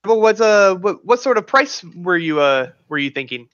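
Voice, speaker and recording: A man's voice: sits high, lively intonation, moderate pace, a bit bright, no room sound. A man taking part as a player in a casual tabletop game, hesitant but upbeat as he talks. His voice comes through a dull, lo-fi mic.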